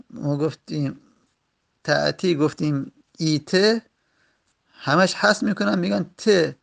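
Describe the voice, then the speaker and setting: A man teaching a grammar lesson, explaining each step methodically with short pauses. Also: medium pitch, gravelly.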